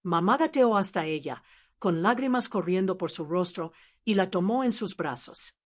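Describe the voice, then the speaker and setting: A woman's voice: lowish voice, lively intonation, moderate pace. A woman telling a scripted first-person family drama in a dramatic storytelling delivery.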